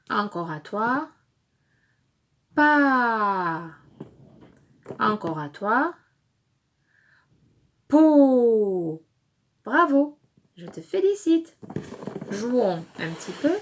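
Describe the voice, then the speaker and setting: A woman teaching a phonics lesson to young children, speaking slowly and deliberately, stressing each syllable loudly and praising the listener. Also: fairly high pitch, slightly rough. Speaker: kindergarten teacher.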